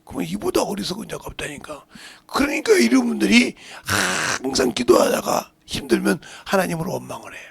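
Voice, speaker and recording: A male pastor preaching a sermon, swinging from shouted lines to hushed whispers. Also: high voice, huge pitch swings, brisk, creaky, hardly any pauses, husky.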